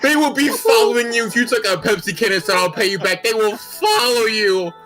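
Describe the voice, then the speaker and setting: A man co-hosting a casual gaming podcast chat, excitable and teasing, laughing often. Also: sits high, a little fast, over music. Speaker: podcast co-host.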